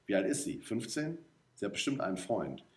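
A man's voice: fairly low pitch, sing-song, brisk, darkish tone. A man playing a dry, evasive grown man. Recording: roomy echo.

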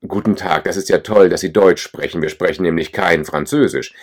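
A man's voice: sits low, brisk. A man voicing a caring, chatty middle-aged mother in a storybook, read plainly. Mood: reassuring. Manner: read plainly in the narrator's own voice.

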